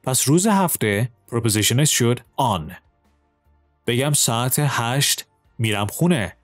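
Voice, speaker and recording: Male teacher from Iran, animated voice, dry close mic, faint music under; quick explanations, slow careful model phrases. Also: mid-range voice, dry recording. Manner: reads English lines slowly and clearly, explains quickly. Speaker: English teacher. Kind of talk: language lesson, explaining in Persian with English examples.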